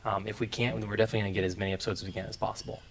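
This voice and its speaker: A man's voice: lowish voice, little pitch movement, racing, gravelly, a little hiss or hum. A young man hosting a casual game livestream, chatting with viewers with lots of fillers. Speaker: livestream host. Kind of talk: casual gameplay stream chat. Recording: game music playing behind.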